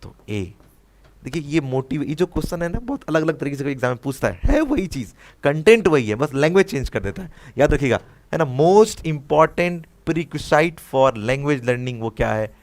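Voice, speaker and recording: A man's voice: on the high side, very animated, brisk. A young man with an Indian English accent teaching an online exam-prep lesson. He explains each answer, mixes in English phrases and keeps checking in with listeners. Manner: explains answers, mixing Hindi with English phrases, often asks "है ना?".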